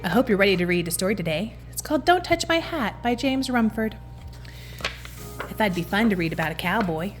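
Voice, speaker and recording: Reading a picture book aloud over background music, this storybook reader and host speaks expressively and fairly quickly in a mid-range voice. She affectionately drops chatty asides, calling the listener sweetheart.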